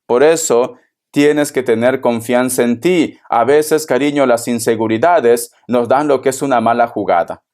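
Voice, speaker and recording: A man's voice: medium pitch, measured pace, darkish tone. A man giving a casual tarot reading, speaking affectionately and calling the listener by endearments. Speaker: tarot reader.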